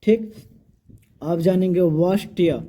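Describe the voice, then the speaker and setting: A male grammar teacher with a high-pitched, slow, mellow voice gives a classroom lesson. He uses repetitive call-and-response, asking students questions he answers himself, and drills sounds aloud.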